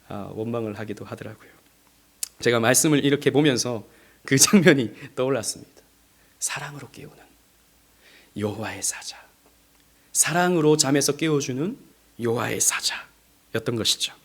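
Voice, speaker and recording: A middle-aged man from South Korea delivers a Sunday sermon from the pulpit of a church. His voice sits a little high for a man, and he moves from soft, tender phrasing to strong, emphatic stresses, sometimes acting out the lines he quotes. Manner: gentle, rising to emphatic, acts out quoted speech. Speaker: pastor. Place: church sanctuary.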